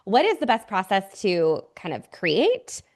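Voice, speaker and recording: A woman's voice: medium pitch, wildly swooping pitch, measured pace, darkish tone. A woman hosting an interview, chatting casually as she sets up questions for her guest. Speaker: podcast host, interviewer.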